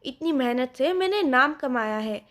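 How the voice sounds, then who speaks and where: A stubborn young rich daughter read by a woman narrator talks back and plots. The voice is high and bright. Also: expressive, moderate pace. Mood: defiant. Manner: defiant, complaining.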